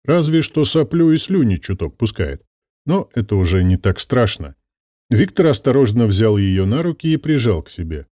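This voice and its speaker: A man reading an audiobook aloud, with expressive scripted narration. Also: mid-range voice, moderate pace, dry recording, studio quality.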